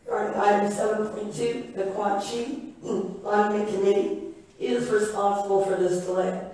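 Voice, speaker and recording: Hoarse woman speaking from far off in an echoey chamber. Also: medium pitch, a little mellow. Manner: blunt, sarcastic, indignant. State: hoarse, losing her voice. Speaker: public commenter at a city council meeting. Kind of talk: public comment at a council meeting. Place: city council chamber.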